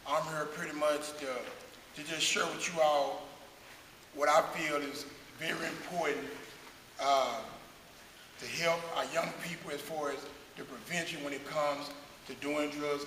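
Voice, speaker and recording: A man's voice: a little high, little pitch movement, bright, forceful tone. Earnest man in an echoey hall. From West Dallas, Texas. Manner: earnest, halting with many uh's and repeats. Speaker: guest speaker. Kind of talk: speaking to an audience. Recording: echoey hall, faint hiss.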